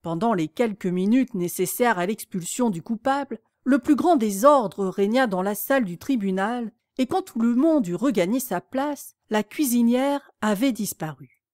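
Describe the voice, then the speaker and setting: Woman audiobook narrator, clear and measured, slightly high voice, dry close recording. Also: expressive, darkish tone, dry recording. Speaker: audiobook reader. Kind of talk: storybook narration.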